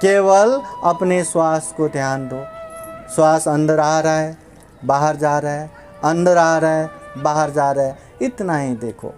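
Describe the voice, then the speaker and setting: A man voicing the Buddha as a calm, gentle teacher, speaking slowly, low and hushed. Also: soft background music. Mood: serene.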